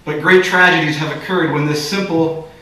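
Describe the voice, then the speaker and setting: A man's voice: fairly high pitch, steady tone, normal speed. A man from the Bay Area giving a commencement speech at a graduation ceremony, with a joking delivery. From San Francisco Bay Area. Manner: warm joking delivery with audience laughter. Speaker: commencement speaker. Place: large hall at a graduation ceremony. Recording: echoey hall, distant mic.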